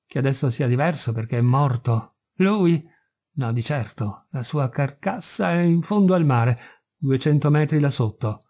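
A raving, feverish first mate spits scorn and mockery at the crew, as a man reading the story voices him. The voice is gravelly and dark, climbing into shrill, taunting shrieks. It sounds like a classic audiobook performance. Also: animated, measured pace. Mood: brooding menace. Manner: ranting, mocking, shrill when furious. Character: delirious sick first mate, male, spiteful and unhinged.

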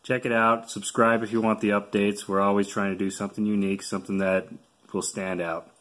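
A man's voice: fairly low pitch, little pitch movement, a little fast, fairly bright tone. A young man, a contractor, casually explaining step by step how he built a project, filmed on a phone at arm's length in a living room. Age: young adult. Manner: plain, practical, step-by-step talk. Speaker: contractor showing a woodworking project. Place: living room at home, indoors. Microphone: phone camera at arm's length.

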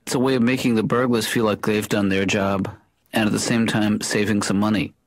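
A man voicing a mild-mannered, hesitant therapist in an animated sitcom. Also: lowish voice, fairly quick, no echo. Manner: soft-spoken, mild, hesitant.

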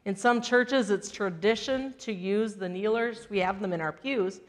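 A woman's voice: mid-range voice, moderate pace. Woman coaxing children in a church. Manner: gentle questioning, coaxing children. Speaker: children's message leader. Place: church sanctuary. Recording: long church reverb.

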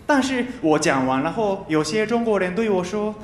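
High-pitched young Japanese-accented male stand-up comedian. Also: animated, moderate pace. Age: 20s. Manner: careful learner's phrasing with stumbles and repeats. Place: large TV studio stage with live audience. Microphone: handheld microphone. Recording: roomy stage sound with audience noise.

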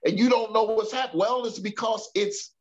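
Man, Bible study teacher, high-pitched voice, preacherly, stumbles and repeats words, dull lo-fi church recording. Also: fairly even intonation, moderate pace. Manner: preacherly, repeats words and restarts, calls for response.

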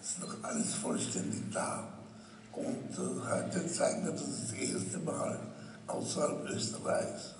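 An older man from Vienna with a breathy, rough voice, talking slowly and thoughtfully on stage in a large exhibition hall. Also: fairly high pitch, a little hiss or hum. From Vienna, Austria. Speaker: artist being interviewed. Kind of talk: slow, reflective conversation on stage. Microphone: headset mic. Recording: roomy hall sound from a distant camera.

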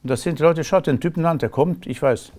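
A man's voice: fairly high pitch, fast, a little mellow. Emphatic man with a Romanian accent. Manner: rambling, emphatic, laughs between remarks. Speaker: interview guest. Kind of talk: casual conversational interview.

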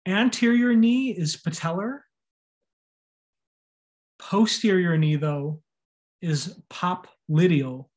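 A man records an anatomy lecture over his slides. He spells out and repeats each term, stressing how it is pronounced. He talks in a plain, even teaching voice. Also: high voice, takes it slowly, long pauses.

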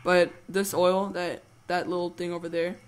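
A man's voice: high voice, little pitch movement, normal speed, a little hiss or hum. Rambling teen boy narrating gameplay. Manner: rambling, playful, goofy jokes. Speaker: let's play host. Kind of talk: casual gameplay commentary.

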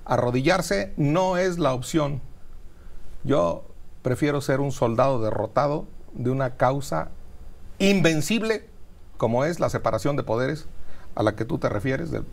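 A man's voice: mid-range voice, lively intonation, a little slow, creaky. A middle-aged man with a Mexican Spanish accent, a senator speaking combatively as a guest in a TV studio interview. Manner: combative, emphatic. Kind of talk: political interview.

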